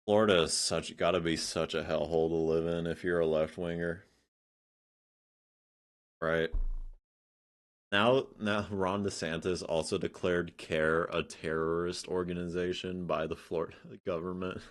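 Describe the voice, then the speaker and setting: Deep guy talking slow, ranting sarcastic reaction commentary, swears a lot. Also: level tone. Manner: blunt, sarcastic, swears freely, lots of fillers. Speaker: commentary streamer.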